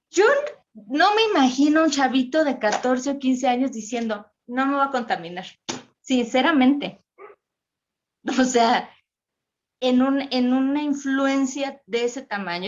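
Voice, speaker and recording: A woman's voice: moderate pace, lo-fi sound, a little hiss or hum. Chatty Mexican woman teaching Scripture. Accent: Mexican Spanish. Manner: chatty and expressive, acting out quotes with sudden high exclamations. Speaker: speaker at a women's church meeting. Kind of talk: informal Bible teaching.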